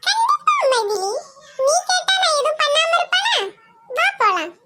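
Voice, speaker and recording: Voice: very high-pitched, wildly swooping pitch, moderate pace, pushed and bright, a little hiss or hum, heavily acted. A performer voicing a boastful teenage schoolboy who shows off to a girl. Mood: boastful, sweet.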